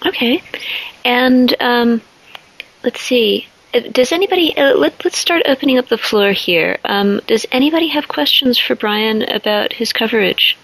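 A woman's voice: fairly high pitch, normal speed, gravelly, fairly bright tone, rough recording. A woman hosting a podcast panel, moderating in a conversational way and guiding the talk with questions. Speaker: podcast host.

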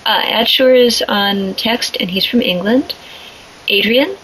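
A woman's voice: fairly high pitch, unhurried, fairly bright tone, a little hiss or hum, low-quality recording. A woman hosting a podcast panel, moderating in a conversational way and guiding the talk with questions. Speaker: podcast host.

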